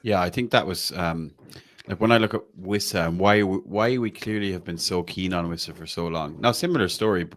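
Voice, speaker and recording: A man's voice: low-pitched, a little fast, fairly bright tone. An Irish man hosting a fan podcast, chatting casually about football with lots of "like" and the odd swear. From Ireland. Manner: chatty, says "like" a lot. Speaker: podcast host.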